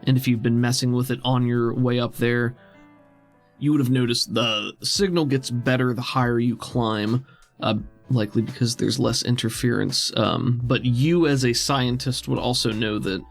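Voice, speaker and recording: This game master's mid-range voice stays steady and carries vocal fry as he narrates a tabletop role-playing game at a moderate pace. He describes things conversationally and improvises, with background music beneath.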